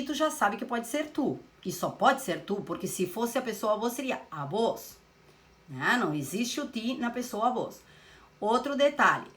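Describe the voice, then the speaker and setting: Woman teaching a lesson in a higher register. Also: a bit bright. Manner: explains step by step, asks questions and answers them herself. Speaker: Spanish teacher. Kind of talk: recorded classroom lesson.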